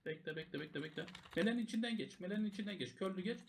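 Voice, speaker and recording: A man calling the shots in gaming voice chat, barking rapid repeated commands and swearing freely. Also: high-pitched, creaky, slight background noise. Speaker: clan war shot caller.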